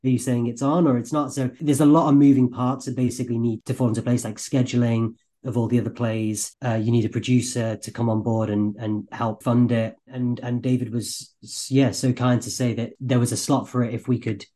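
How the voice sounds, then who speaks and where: A man chats as an interview guest in a podcast studio, speaking fast and casually. His voice has a dark, mellow tone, and he often restarts his sentences with self-deprecating asides. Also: medium pitch, level tone. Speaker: guest, writer and performer.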